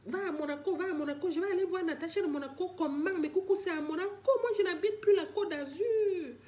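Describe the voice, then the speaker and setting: An older woman holds forth on a live stream, her high, mellow voice pleading and circling back over the same complaints. She talks directly to her viewers, restless and insistent. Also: fast. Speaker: livestreamer addressing viewers. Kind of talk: emotional live-stream rant.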